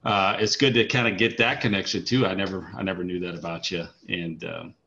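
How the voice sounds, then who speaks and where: Deep bright-voiced male interview host. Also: steady tone, brisk, creaky, muffled recording. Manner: enthusiastic, effusive reactions. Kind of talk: casual interview chat.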